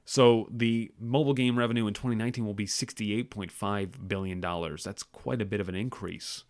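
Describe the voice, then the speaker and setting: A man's voice: lowish voice, steady tone, fairly quick. A man hosting a podcast, reading gaming industry figures aloud and breaking off into sarcastic, self-deprecating asides, often stumbling and correcting himself. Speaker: podcast host. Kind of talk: casual news commentary.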